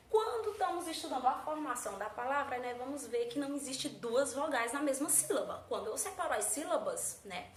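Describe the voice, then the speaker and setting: Teacher, woman, high voice, lively explainer, roomy echo. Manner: animated, checks in often with "tá?", voices student questions. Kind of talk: explaining grammar to students. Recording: echoey room with faint ambient noise.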